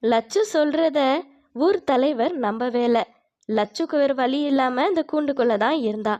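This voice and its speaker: High-voiced woman narrating a cartoon story. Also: normal speed, a little mellow, lo-fi sound.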